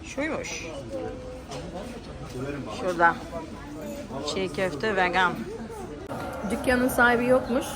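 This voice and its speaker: A woman's voice: medium pitch, slow, pauses often, crowd noise. A woman vlogger chatting casually as she shows what she finds while out and about. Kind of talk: casual vlog chat. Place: outdoor market and open-air seating. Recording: very noisy busy outdoor street.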